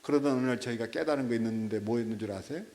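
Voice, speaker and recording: A middle-aged man preaching a sermon as a pastor, telling stories with animation and prodding his listeners with quick rhetorical checks. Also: mid-range voice, darkish tone.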